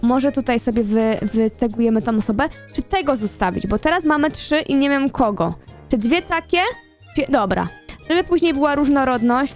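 A young woman with a high, light voice talks her way through a video game, thinking aloud and chatting with her co-player. Soft music runs faintly underneath her casual commentary. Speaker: gaming YouTuber.

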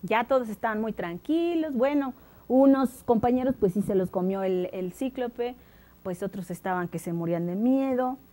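A Mexican woman telling a children's story in an animated, dramatic way, speaking straight to her young listeners. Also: fairly high pitch. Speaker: storyteller host.

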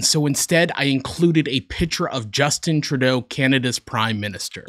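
A deadpan reaction-video narrator whose voice has been pitch-shifted down until it sounds deep and unnatural. The delivery swings lively up and down, mock-serious and sarcastic. It is recorded close and completely dry, with no room sound. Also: dry recording. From American South. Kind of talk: sarcastic scripted commentary.

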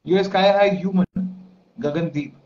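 A man's voice: high voice, moderate pace, darkish tone, faint music behind. A man in his twenties with an Indian accent hosts a casual live stream, rambling and switching between English and Hindi. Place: indoors, plain-walled room. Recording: dull lo-fi stream with clear noise.

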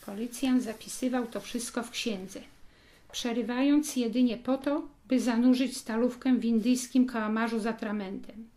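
A woman reading a story aloud as an audiobook narrator, in slow, deliberate scripted narration. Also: fairly high pitch, steady tone, dark tone.

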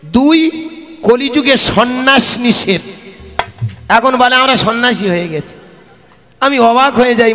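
A man's voice: very high-pitched, sharp tone. A man giving an impassioned devotional kirtan sermon to gathered devotees, addressing them as father and mother and breaking into sung chanting. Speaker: kirtan singer and preacher. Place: religious gathering stage, standing before devotees. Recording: long hall reverb over live PA with instruments.

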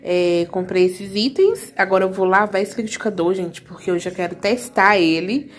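A woman's voice: medium pitch, normal speed. Chatty woman filming her cleaning day. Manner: chatty, addresses viewers as "gente". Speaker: vlogger. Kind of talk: casual vlog chat. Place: home.

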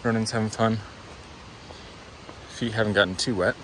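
A man filming himself on a mountain trail outdoors, casually narrating his hike in a relaxed way and chatting to his dog. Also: on the low side, normal speed, a little hiss or hum. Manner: relaxed, talks to his dog between remarks. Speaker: hiker filming his own vlog. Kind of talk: casual narration while hiking.

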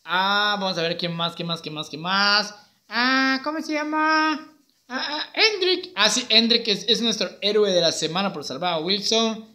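A man's voice: high voice, moderate pace, bright, forceful tone. A male schoolteacher chatting playfully with a puppet, sending greetings to his students and laughing easily. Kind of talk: casual chat with a puppet.

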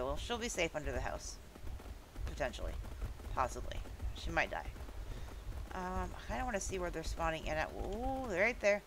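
A woman's voice: deep voice, a bit bright, slight background noise, rough recording. A woman casually commenting as she plays a game, chatting, and scolding and coaxing her in-game animals. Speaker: gameplay streamer. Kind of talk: casual let's-play commentary.

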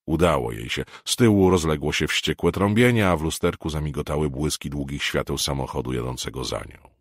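A man from Poland reading a novel aloud as an audiobook narrator, measured and expressive. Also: extremely low pitch, husky, no echo, clean studio sound.

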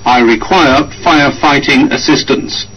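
A man sending a formal distress call over a marine radio, in slow, deliberate, spelled-out radio phrasing. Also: mid-range voice, slight background noise. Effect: marine radio transmission. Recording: muffled marine radio band.

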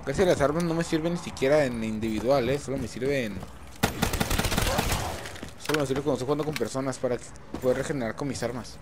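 A man's voice: mid-range voice, fast, long pauses. A young man with a Mexican accent giving casual gameplay commentary, swearing and rambling through stories. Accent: Mexican Spanish. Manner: crude, swearing, rambling storytelling. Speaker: gamer. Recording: loud background noise.

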